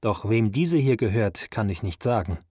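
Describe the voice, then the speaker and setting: A man voicing a solitary male wolf warrior, speaking in a grave, measured way in a storybook reading. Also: fairly low pitch, expressive, a little mellow, husky, no echo, studio quality.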